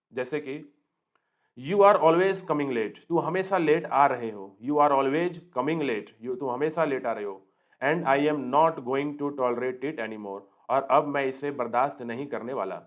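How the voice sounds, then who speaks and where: A man teaching English tenses for exam preparation, explaining in Hindi and reading English example sentences slowly, often checking with questions whether students follow. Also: mid-range voice. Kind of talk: exam-prep grammar lesson.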